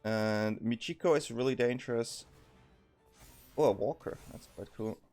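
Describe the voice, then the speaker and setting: He's a young man with a Swiss accent, casually talking through a card game while thinking out loud, frequently umming and correcting himself. A mid-range, darkish voice at a measured pace comes over soft background music.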